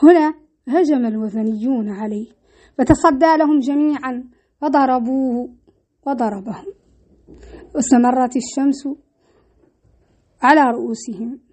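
A woman with a high voice narrates a historical tale. Her reading is expressive and dramatic, with emphasis that rises and falls across the story. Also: a little slow, pauses often.

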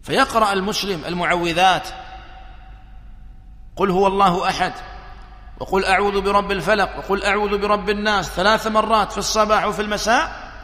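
High bright preacher in an echoey hall. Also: male voice, fairly even intonation. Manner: slow, emphatic, counting points one by one. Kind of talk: religious sermon. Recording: echoey hall with long reverb.

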